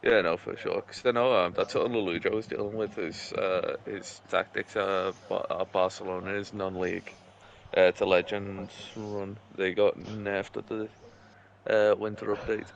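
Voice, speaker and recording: A man's voice: sits low, little pitch movement, measured pace, vocal fry, highs cut off, a little hiss or hum. A man chatting casually while gaming, explaining things with many hesitations. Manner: explains game mechanics with many ums. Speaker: streamer playing with friends.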